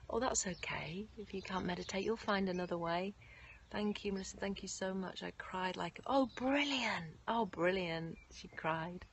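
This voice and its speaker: A woman teaching yoga nidra outdoors, who guides a meditation and then chats to her live viewers in a gentle, effusive way. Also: mid-range voice, vocal fry. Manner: gentle, effusive, often laughing. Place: outdoors in nature. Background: faint birds and distant traffic.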